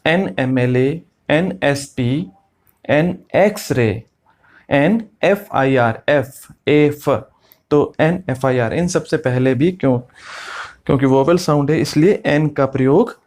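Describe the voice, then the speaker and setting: A man's voice: medium pitch, slow pace, a little mellow. A man teaching English grammar as a classroom lecture, repeating each example as he explains.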